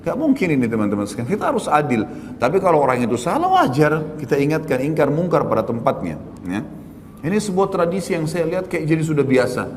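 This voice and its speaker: A man, an Islamic preacher, giving a conversational religious study lecture with everyday examples and Arabic phrases, his pitch jumping up for emphasis. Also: sing-song, quick pace, slight background noise. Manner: rises sharply in pitch for emphasis. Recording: reverberant hall with faint ambience.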